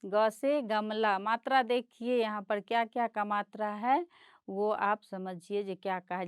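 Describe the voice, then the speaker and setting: A woman's voice: mid-range voice, smooth, no room sound, clean studio sound. A woman teaching a primary class, patiently spelling out letters and sounds one at a time and mixing English words into her lesson. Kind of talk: slow classroom lesson explaining a chart.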